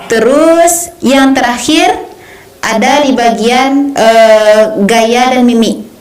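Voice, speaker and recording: A high-pitched young woman explains speech technique in a halting, filler-heavy way. Her voice rings in an echoey room. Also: darkish tone. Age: young adult. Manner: hesitant, many fillers, explains with examples. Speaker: speech contest coach. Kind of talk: conversational lesson.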